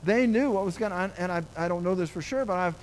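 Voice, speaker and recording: A man preaching a sermon. He reads scripture verse by verse and comments on it in an animated, folksy way. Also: high-pitched, quick pace, a little hiss or hum, low-quality recording. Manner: animated, excitable, acts out scripture characters in a raised voice; folksy, informal delivery with restarts and asides.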